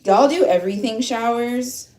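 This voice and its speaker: A woman from upstate New York in her 30s hosts an informal livestream, responding to viewer comments in a rambling way with frequent fillers and restarts. Her voice is a little high and somewhat dark in tone, at a moderate pace, in an echoey room.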